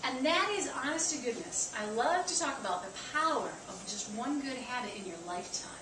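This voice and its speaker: A woman dietitian giving a lively nutrition talk to staff, counting aloud and quizzing her listeners. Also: high voice, fairly quick. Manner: chatty, counts aloud and asks the audience questions. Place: staff meeting room. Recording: echoey room, from far off, noisy.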